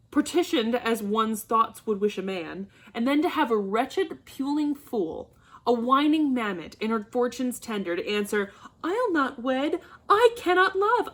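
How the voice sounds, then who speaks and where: A woman reading an angry, domineering old father, a nobleman, who bursts into shouting and scolding. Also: fairly high pitch.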